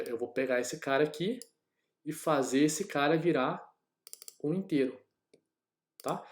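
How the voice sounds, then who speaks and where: In a screen-recorded coding lesson, a Brazilian man who teaches programming chats his way through each step for his class. His voice is mid-range with a darkish tone, and there's echo from the room.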